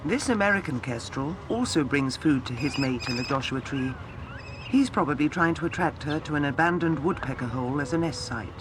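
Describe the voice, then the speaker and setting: A man reading scripted nature documentary narration in a measured, storytelling way. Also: on the high side, animated, noisy background. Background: background music.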